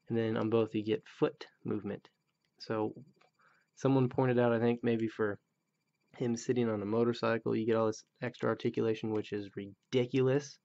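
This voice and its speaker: Gravelly, grumbling man reviewing a toy. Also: medium pitch, darkish tone, lo-fi sound. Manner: blunt, grumbling and critical. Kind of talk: casual product review.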